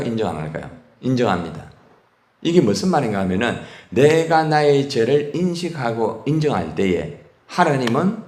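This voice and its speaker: A man's voice: mid-range voice, darkish tone. A man who is a pastor, preaching a sermon and asking his congregation questions. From Korea. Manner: call-and-response questions to the congregation. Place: church sanctuary. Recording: echoey church hall.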